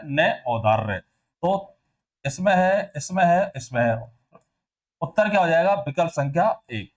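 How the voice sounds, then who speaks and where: A male teacher going through test answers, asking questions and answering them himself, and repeating sounds to show how they are said. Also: sits high. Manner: repeats sounds and words to demonstrate pronunciation. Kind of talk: exam answer walkthrough lesson.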